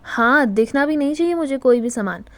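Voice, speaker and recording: A woman's voice: high voice, lively intonation, fairly quick, fairly bright tone, dry recording. A woman voicing a playful middle-aged son-in-law who teases his mother-in-law in her own voice. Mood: cheeky banter. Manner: cheeky, bantering.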